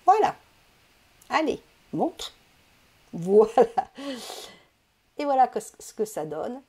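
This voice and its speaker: A woman's voice: on the high side, big pitch swings, slow pace, a little mellow, breathy edge. Female craft tutorial host, casual and chatty, hesitant with frequent fillers, close desk-mic sound. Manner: chatty, hesitant, many fillers and self-corrections. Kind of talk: casual step-by-step craft demonstration.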